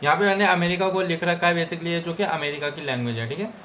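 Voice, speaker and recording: A man's voice: fairly high pitch, quick pace, pushed and bright, a little hiss or hum. A young man from India teaching Japanese vocabulary in a casual Hindi lesson, repeating each word several times and checking in with "theek hai guys".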